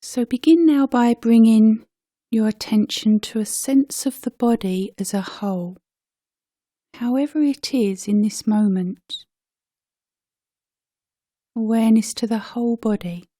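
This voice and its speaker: This meditation is led by a woman whose gentle, mellow voice sits a little high. She moves very slowly, pausing between brief phrases in a teacherly way, and the dry recording carries no echo.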